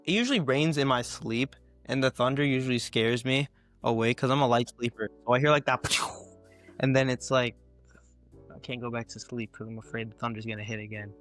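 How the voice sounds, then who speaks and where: Rambling, slangy young-sounding host from Memphis. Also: male voice, mid-range voice, a little fast, fairly bright tone, faint music behind. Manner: rambling, slangy, many restarts. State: hoarse, cough. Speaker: podcast host. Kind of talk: casual interview chat.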